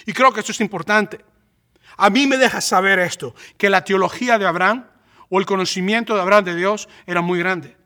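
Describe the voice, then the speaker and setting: A male preacher delivers a passionate sermon. His voice sits high for a man and rings bright and forceful. He swells to emphatic peaks. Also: brisk. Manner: impassioned, rising to emphatic peaks.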